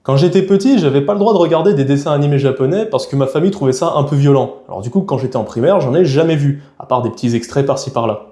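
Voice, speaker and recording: Young man from France, vlog monologue, rapid chatty delivery, mellow tone, echoey room. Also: fairly high pitch. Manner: frank, chatty, slangy. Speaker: YouTuber. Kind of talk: casual talking-head vlog.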